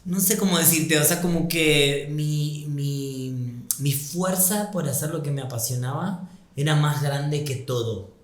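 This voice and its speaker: A man with an Argentine accent softened by years in Yucatán, telling stories casually as an interview guest. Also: fairly high pitch, measured pace, echoey room. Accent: Argentine Spanish softened by Yucatán. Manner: animated storyteller, laughs through anecdotes.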